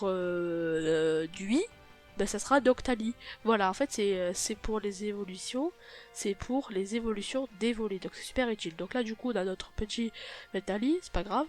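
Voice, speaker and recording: A woman's voice: medium pitch, moderate pace, faint music behind. A woman with a cold and a blocked, nasal voice gives a casual, hesitant game tutorial, often correcting herself. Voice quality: nasal, stuffy blocked-nose voice. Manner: hesitant, self-correcting, apologetic. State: sick with a blocked nose. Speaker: YouTube gaming video host.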